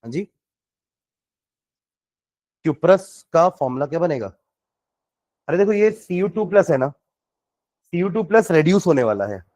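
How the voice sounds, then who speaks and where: A man teaching chemistry, dictating notes slowly word by word and asking students rhetorical questions, mixing Hindi and English. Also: on the high side, very animated, darkish tone. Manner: mixes Hindi and English freely. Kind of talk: classroom lecture with dictation.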